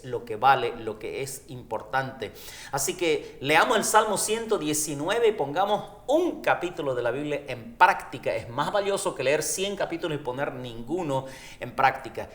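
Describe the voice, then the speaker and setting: A man's voice: medium pitch, a bit bright. A man leading a church Bible study, explaining with practical advice and humorous examples. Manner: affirming, humorous storytelling. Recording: echoey room.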